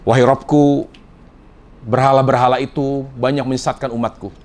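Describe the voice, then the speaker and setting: A man preaching a sermon to a congregation, telling the story with emotion, his voice jumping up high and then fading to quiet endings. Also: little pitch movement, moderate pace. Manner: emotive storytelling with sudden swings in pitch and quiet trailing endings. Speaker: Islamic preacher. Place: lecture before a congregation.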